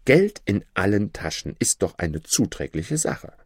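A man's voice: fairly low pitch, sing-song, unhurried, slightly rough, no echo, studio quality, exaggerated voice. A man playing a naive, eager young simpleton.

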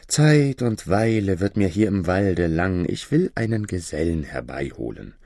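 A man voicing a cunning wandering fiddler in a storybook reading, giving coaxing commands in a deep voice. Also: big pitch swings, unhurried, a little mellow, no echo, studio quality, exaggerated voice.

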